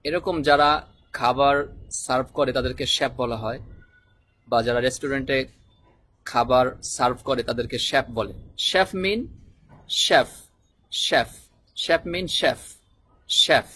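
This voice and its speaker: Husky-voiced man teaching English words. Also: mid-range voice, bright, forceful tone. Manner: repeats words slowly, spells them letter by letter. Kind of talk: vocabulary lesson.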